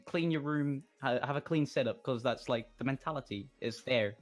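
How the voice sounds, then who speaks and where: A man co-hosting a casual gaming podcast, telling stories in an animated way and swearing freely. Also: medium pitch, normal speed, faint music behind.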